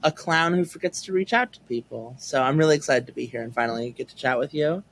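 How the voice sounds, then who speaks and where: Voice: mid-range voice, fast talker. A game designer chatting as a podcast guest, rambling and self-deprecating with lots of fillers. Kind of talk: casual interview chat.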